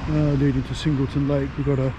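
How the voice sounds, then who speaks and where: A man's voice: mid-range voice, level tone, fast, lo-fi sound. A man narrating a cycle route assessment in a casual, matter-of-fact way, with hesitant fillers, recorded outdoors on an action camera. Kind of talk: casual narration while cycling. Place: outdoors on roads and paths. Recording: outdoor noise behind voice.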